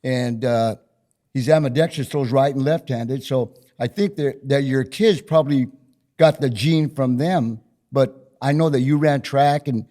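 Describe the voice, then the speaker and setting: Mellow-voiced middle-aged male host. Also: mid-range voice, unhurried. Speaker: host, former teacher and coach. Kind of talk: casual interview conversation.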